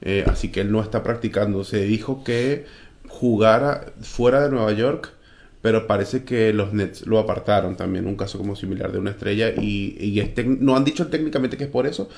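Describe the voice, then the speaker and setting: A man's voice: fairly low pitch, normal speed, creaky, darkish tone, slight background noise. Joking Venezuelan man chatting. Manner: talkative, joking storyteller. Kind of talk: casual chat.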